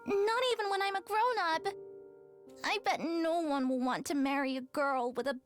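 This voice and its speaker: A woman playing a vulnerable little girl in an emotional anime game dub, plaintive and childlike, with halting speech. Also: very high voice, fairly even intonation, soft background music. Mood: tearful, hurt.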